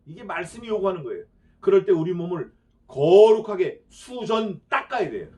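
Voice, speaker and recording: A high-pitched man preaching an expository sermon from the pulpit. He presses his points with rhetorical questions, dropping to quiet asides and then rising to loud, emphatic declarations. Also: very animated, moderate pace. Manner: dramatizes quoted speech. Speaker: pastor.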